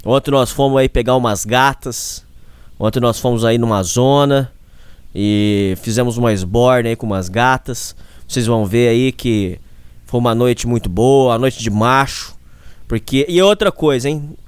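A man's voice: medium pitch, normal speed, clear, resonant tone, dry recording. A hungover man with a Brazilian accent hosts a casual podcast monologue, full of repetitive, tongue-in-cheek macho bravado. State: hungover, with a headache. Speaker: show host.

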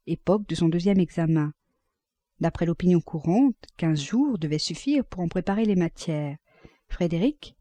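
A woman narrating a classic novel as an audiobook, reading at a measured, even pace. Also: lowish voice, no room sound.

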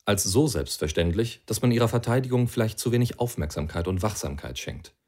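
A man with a very low, deep voice reads an essay-like passage aloud. His delivery is earnest and argumentative, pressing his points with a persuasive lift. He reads at an even, steady pace. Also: brisk. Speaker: audiobook reader.

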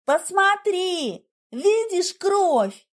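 A woman reading an audiobook, voicing an excitable, frightened young woman who speaks in an agitated, pleading way. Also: slow. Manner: agitated, pleading, high-strung.

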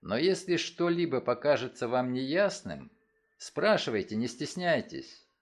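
A man reading a first-person story aloud, with dramatic, expressive delivery. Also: medium pitch, a little slow. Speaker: audiobook narrator. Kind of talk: first-person scripted narration.

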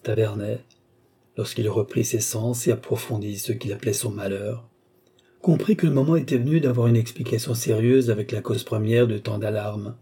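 In a fairly low, slightly rough voice, a man reads a classic novel as an audiobook. His scripted narration is measured and even, like a steady storyteller.

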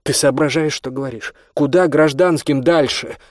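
A man's voice: on the high side, steady tone, moderate pace, no room sound, studio quality, voice pushed up, lightly acted. A man voicing a stern male senior lieutenant who gives curt orders. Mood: commanding.

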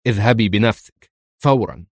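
A man's voice: on the low side, normal speed, no room sound, studio quality. A man reading aloud as a harsh, imperious woman gang leader who gives clipped orders. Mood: stern.

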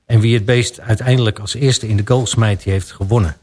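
A man's voice: fairly low pitch, fairly even intonation, brisk, darkish tone. A man presenting on local radio, chatting casually and laughing now and then as he tells odd facts about strange sports.

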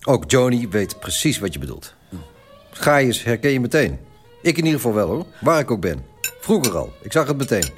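A man's voice: mid-range voice, very animated, normal speed, soft background music, close to an everyday voice. A man in a radio drama playing a father who talks bluntly and in an opinionated, tough way at the dinner table.

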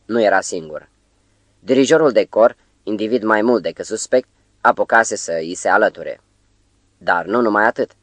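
A man narrating an audiobook in a measured, even storytelling manner, close to the mic. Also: on the low side, no echo. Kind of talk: scripted narration.

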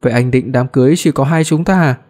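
Một người đàn ông đọc lời của một cô vợ trẻ hay nũng nịu, giọng năn nỉ, dỗi hờn. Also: male voice, medium pitch, fast, darkish tone, close to an everyday voice. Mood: pleading. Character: young wife, playful and clingy.

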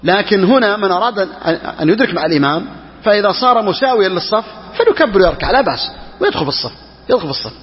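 A man teaching religious law as a sheikh, who talks quickly and repeats key phrases for emphasis. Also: high-pitched, sing-song, big-room sound, dull audio. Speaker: sheikh teaching Hanbali jurisprudence. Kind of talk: religious lesson explaining a text.

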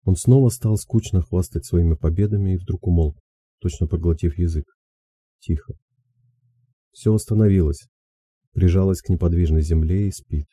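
A man narrating classic prose in a calm, measured audiobook reading. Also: sits low, slightly rough, no room sound.

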